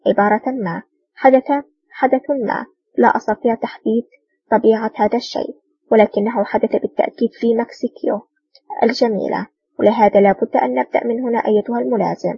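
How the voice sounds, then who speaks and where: A woman's voice: fairly high pitch, fairly even intonation, fast talker, creaky, breathy edge. A woman reading the part of a confident, self-assured male army officer, in a dull, distant recording.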